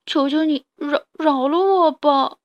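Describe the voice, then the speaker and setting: A woman's voice: animated, moderate pace, fairly bright tone, lo-fi sound. Habus, a woman voicing a whiny crying bunny boy. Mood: pained, pleading. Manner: high, tearful and pleading. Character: whiny young male rabbit bully, crying.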